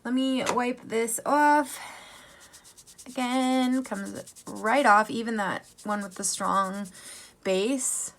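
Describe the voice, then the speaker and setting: Casting: female beauty vlogger, bubbly makeup-tutorial chat, slightly high voice with noticeable vocal fry. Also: slow. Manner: gushing, bubbly, chatty asides. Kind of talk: chatty makeup tutorial, swatching eyeshadow.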